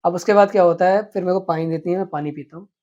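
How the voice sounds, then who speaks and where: A man telling his own story in an interview, earnest and animated, acting out the quotes. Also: high-pitched, racing. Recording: dull lo-fi sound.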